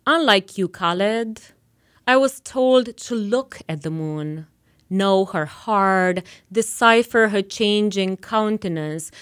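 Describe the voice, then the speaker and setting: Romanian-born woman poet reading slow, smooth clear voice, lowish. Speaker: poet guest. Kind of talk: poetry reading.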